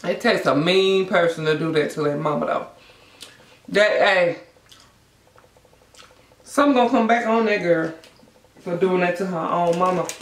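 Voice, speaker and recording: A vlogger chatting casually and bluntly to viewers between bites of food, telling things in an animated way. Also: mid-range voice. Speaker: mukbang vlogger. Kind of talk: casual chatty mukbang vlog while eating. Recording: echoey room.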